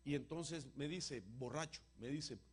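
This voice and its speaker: A man preaching and answering a question with a personal testimony, an emotional storyteller whose voice swings from loud to hushed. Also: a little high, a little slow, slightly rough. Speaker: apostle answering congregation questions.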